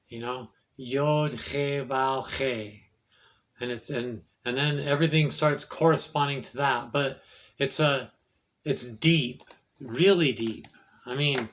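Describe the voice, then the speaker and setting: A man hosting his own video, casually explaining in a rambling, halting way, restarting sentences and correcting himself. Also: medium pitch, fairly bright tone. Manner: self-correcting, laughs at own slips. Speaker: occult video host.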